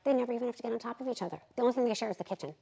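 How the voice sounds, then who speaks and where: A realtor in her thirties, telling animated, candid stories as a podcast guest. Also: on the high side, racing, vocal fry, husky, low-quality recording. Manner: animated, candid, acts out quotes. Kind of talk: lively storytelling in an interview.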